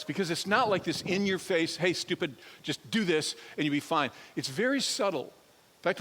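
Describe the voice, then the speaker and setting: Male pastor, sermon, storytelling, slightly high voice, long church reverb. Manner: storytelling, animated, addresses the crowd directly. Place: church sanctuary.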